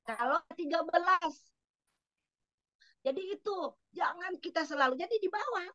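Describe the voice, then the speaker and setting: Bright high-voiced woman lecturer giving feedback. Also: moderate pace, no echo, lo-fi sound. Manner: instructive, questioning, acts out classroom examples. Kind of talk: spoken feedback to a trainee teacher.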